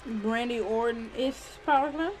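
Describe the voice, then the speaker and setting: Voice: medium pitch, moderate pace, crowd noise. A person reacting casually to a wrestling match in informal, short remarks and interjections.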